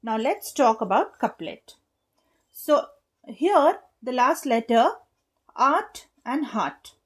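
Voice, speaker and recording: Slow, patient woman teaching a lesson. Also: high voice, big pitch swings, slightly rough. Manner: slow, patient, spells out rhyme letters and claps rhythm. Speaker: English literature teacher. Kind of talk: explaining a lesson to students.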